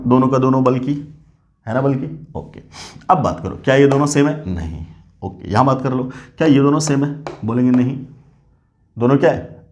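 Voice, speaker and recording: A man gives a chemistry lesson at a board. He keeps asking his students questions and then answering them himself. He calls them "beta" and slips English phrases into the lecture. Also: medium pitch. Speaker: chemistry teacher.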